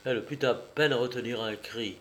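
A man narrating a classic novel in a measured, expressive storytelling manner. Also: medium pitch.

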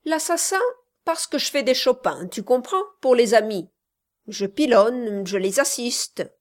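A woman's voice: a little high, expressive, voice pushed up. A woman voicing a cocky young male street tough who rattles off boastful slang in a storybook reading. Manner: boastful, rapid slang patter.

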